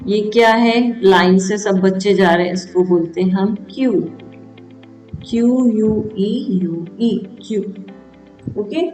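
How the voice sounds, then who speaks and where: A woman's voice: mid-range voice, a little mellow. A woman teaching a children's English grammar lesson, asking simple questions and spelling each word letter by letter. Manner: spells words out letter by letter, asks and answers own questions. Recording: echoey room, voice from a distance, faint music.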